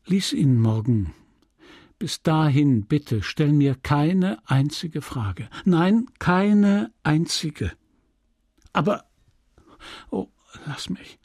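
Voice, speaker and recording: A man reading an audiobook voices a despairing young woman who has been poisoned, speaking in a husky, faltering, pleading way. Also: on the high side, expressive, slow, pauses often, no echo, clean studio sound, exaggerated voice. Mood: solemn pleading.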